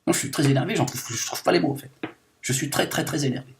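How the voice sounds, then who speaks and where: A man's voice: fairly high pitch, quick pace, lightly acted. A man voicing a self-declared liberated woman in a satirical monologue, ranting with endless fillers in mock indignation. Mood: indignant. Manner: rambling rant full of fillers, mock-indignant.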